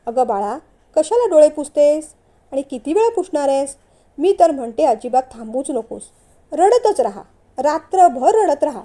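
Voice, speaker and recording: A woman's voice: sits high, sing-song, moderate pace, warm tone. A woman voicing a middle-aged mother-in-law, firm and scolding yet caring, in a storybook reading.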